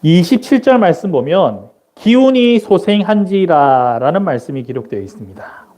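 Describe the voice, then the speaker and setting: A man's voice: sits high, sing-song, moderate pace, mellow. A man preaching a Sunday sermon as a missionary at a church service on a microphone. He keeps asking the congregation questions and then answers them himself. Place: church sanctuary during a service.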